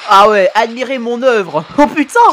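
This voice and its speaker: A man hosting a casual video reaction, excitable, often swearing and exclaiming at the screen, with frequent hesitant fillers and self-corrections. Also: very high voice, moderate pace, a little hiss or hum. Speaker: YouTube reaction host.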